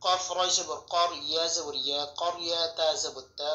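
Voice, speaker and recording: A man teaching a tajweed lesson, spelling out letters and vowels slowly and carefully. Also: on the high side, steady tone, pushed and bright. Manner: slow, methodical spelling of syllables, drawn-out chanted recitation. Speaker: Quran recitation teacher. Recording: echoey room, dull lo-fi sound.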